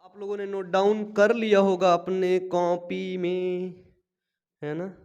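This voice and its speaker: A young man teaching biology in an energetic lecture, asking questions and answering them himself, with playful everyday examples. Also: high voice, takes it slowly, smooth, lo-fi sound. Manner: lively, keeps asking and answering his own questions.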